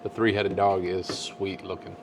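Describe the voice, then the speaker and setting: A man with a fairly low voice and a lot of gravelly fry talks in a laid-back, halting way. He sounds like the co-host of a casual cigar review, with a faint steady hum in the room.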